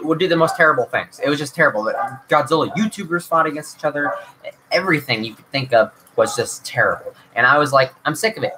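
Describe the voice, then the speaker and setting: On a low-quality recording with slight background noise, a young YouTube host answers viewer questions during a relaxed livestream. He speaks at a medium pitch in a bright, forceful tone, rambling along with plenty of fillers and constant restarts.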